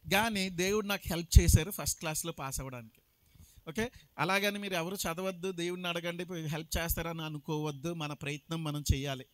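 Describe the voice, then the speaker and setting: A man's voice: high voice, no room sound. A man preaching his testimony as a pastor, emphatic and slipping English phrases into his talk. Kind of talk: sermon testimony.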